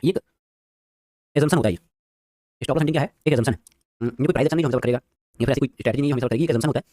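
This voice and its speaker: A man teaching a live trading lesson, quizzing his viewers and talking very quickly. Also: medium pitch, dark tone, no room sound, clean studio sound.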